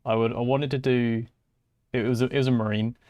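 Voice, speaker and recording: A man's voice: mid-range voice, level tone, fairly quick, darkish tone, no room sound, lo-fi sound. A man chatting on a podcast, hesitant with many restarts. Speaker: podcast co-host. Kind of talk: casual chat.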